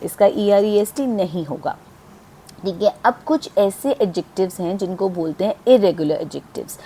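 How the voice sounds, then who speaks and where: A woman teaching English grammar in a classroom style, checking understanding as she goes and slowing down to spell out examples. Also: medium pitch, dark tone, breathy edge. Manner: patient, repeats key points and checks understanding. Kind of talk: classroom lesson explaining grammar.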